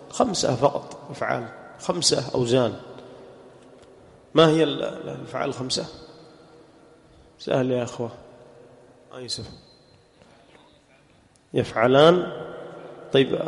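Man teaching grammar in a reverberant hall. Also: medium pitch. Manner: quizzes students and drills example words slowly. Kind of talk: classroom lesson.

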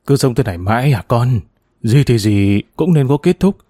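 Brief: male narrator doing a calm, fatherly retired investigator in his sixties or older, dark, dry audiobook voice. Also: medium pitch, moderate pace, no room sound, lightly acted. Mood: coaxing. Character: retired male police investigator, older, patient and gently wry.

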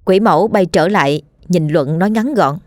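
Low-voiced woman narrating a ghost story. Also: normal speed, dry recording. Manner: steady, vivid storytelling. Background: faint background music.

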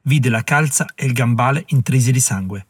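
Man reading a novel aloud, steady dramatic tone, super dry close sound. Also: mid-range voice, moderate pace, breathy edge, no echo. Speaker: audiobook narrator. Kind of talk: scripted narration.

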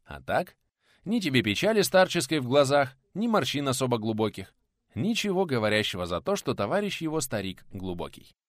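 A man narrating an audiobook in an expressive storytelling manner. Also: mid-range voice, fairly quick, no echo, clean studio sound.

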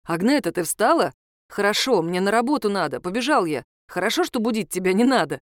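A woman reading the lines of a hurried young husband in an audiobook, talking briskly on his way out to work. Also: mid-range voice, lively intonation, dry recording, studio quality, natural voice. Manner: brisk, in a rush.

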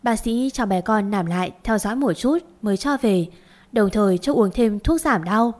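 A woman narrating a first-person audio story with gentle storytelling delivery. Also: medium pitch, normal speed.

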